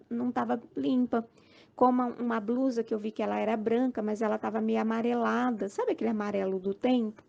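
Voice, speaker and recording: A woman recounts a dream as a testimony, slowly and repetitively, with many small fillers. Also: fairly high pitch, gravelly, dark tone, dull audio. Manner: slow, repetitive storytelling with many "assim" and "sabe" fillers.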